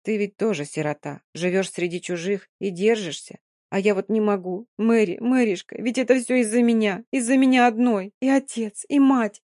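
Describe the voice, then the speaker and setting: A woman reading an audiobook, voicing a young Roma woman who is hoarse from crying, guilt-ridden and speaking in broken, halting bursts. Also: lowish voice, dry recording, studio quality, lightly acted. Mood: anguished. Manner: broken, halting, rising in anguish.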